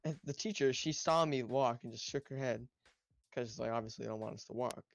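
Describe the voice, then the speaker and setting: A man's voice: medium pitch, a little fast, vocal fry, no room sound. A teenage boy co-hosting a podcast, telling a laid-back, mumbly story in casual chat. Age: teens. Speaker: podcast co-host.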